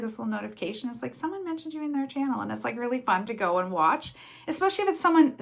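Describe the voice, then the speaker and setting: A woman from Canada chatting casually in a craft vlog, talking fast and rambling with many fillers and restarts. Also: medium pitch, a bit bright. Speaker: cross stitch vlogger.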